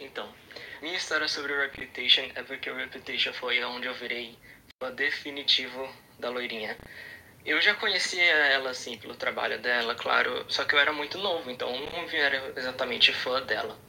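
A young man with a Brazilian accent recording a voice-message testimonial as a listener, excited and earnest. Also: mid-range voice, a little fast, a little hiss or hum, rough recording. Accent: Brazilian Portuguese. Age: young adult.

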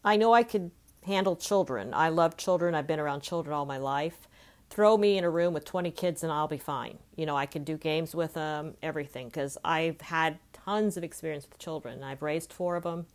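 A woman speaks in a notably low voice. She talks earnestly and conversationally, thinking aloud as she reflects in a personal vlog. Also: moderate pace. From California. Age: 50s. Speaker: self-help vlogger.

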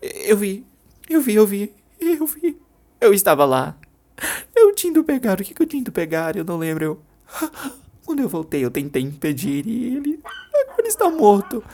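A trembling, terrified mother, as a storyteller puts her on, her voice pitched up and shaking. She pleads and stammers in fear. Read aloud like a storybook. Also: a little fast, lightly acted. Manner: trembling, pleading, voice rising high.

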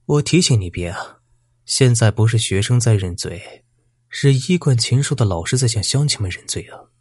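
A man's voice: mid-range voice, animated, normal speed, husky, no room sound, studio quality. A man voicing a sneering vengeful bandit. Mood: menacing. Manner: sneering, menacing taunts. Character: vicious vengeful male bandit, former student.

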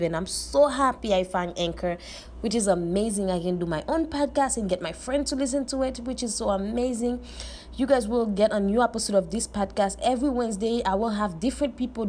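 A woman's voice: medium pitch, a little mellow. A woman in her twenties hosting her own podcast, talking casually and chattily in loose grammar and repeating herself. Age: 20s. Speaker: podcast host. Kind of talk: casual solo monologue. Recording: noisy background.

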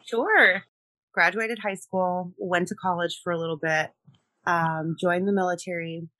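Her voice sits on the low side, steady and measured, with a bright, forceful tone and no echo. She's a middle-aged Rhode Islander, both a veteran and a military spouse, chatting warmly as a podcast guest with frequent fillers.

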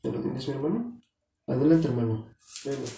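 A man's voice: medium pitch, moderate pace, gravelly, warm tone, slight background noise. A man preaching a sermon. He talks earnestly, calls his listeners brothers and corrects himself now and then. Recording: echoey room.

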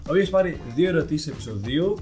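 A man's voice: fairly high pitch, animated, darkish tone, faint music behind. A young man co-hosting a casual podcast, joking and rambling with self-mocking asides. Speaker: podcast co-host. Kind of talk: casual chat.

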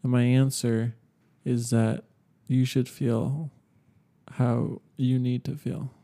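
A man's voice: mid-range voice, flat delivery, slow, dark tone. A man co-hosting a podcast, chatting casually in a rambling, hesitant, speculative way. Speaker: podcast co-host. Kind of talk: casual chat.

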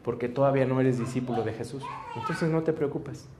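A man's voice: mid-range voice, fairly quick, noisy background. A man preaching a conversational sermon, telling stories and acting out dialogue with frequent chuckles. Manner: storytelling, acts out dialogue, chuckles often. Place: church service before a congregation.

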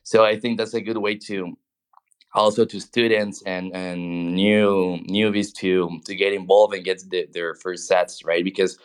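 A man with a fairly low voice talks as a guest in a relaxed interview. He restarts and repeats words often and ends his points with "right?". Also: measured pace, smooth. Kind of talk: casual interview talk.

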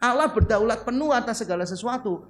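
A high-voiced male pastor delivering a sermon. He tells stories in a lively way, acts out bits of dialogue and laughs along, and keeps turning to the congregation as he speaks. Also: fast, slight background noise. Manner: animated storytelling with quoted dialogue and laughter; addresses listeners as "saudara".

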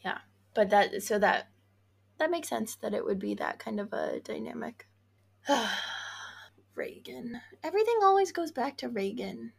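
A woman's voice: fairly high pitch, lively intonation, normal speed, creaky, slightly rough. A woman co-hosting a podcast in casual chat, earnest and talkative, with frequent fillers and light laughs. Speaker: podcast co-host.

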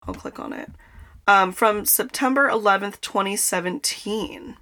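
Bright-voiced young woman chatting inside a closet. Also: medium pitch, a little slow. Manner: chatty and rambling, laughs often. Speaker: podcast host. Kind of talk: casual chat. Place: inside a small closet in a childhood bedroom.

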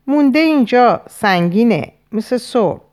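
A woman voicing a troubled young man who eats a poisoned meal, in a dramatic audiobook reading, her voice lifted high for his short worried questions. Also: sing-song, a little mellow. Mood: uneasy.

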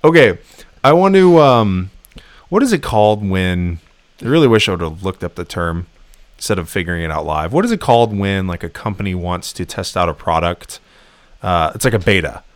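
A man hosting a sports podcast in casual, animated chat, laughing often. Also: low voice, normal speed, dry recording. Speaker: podcast host.

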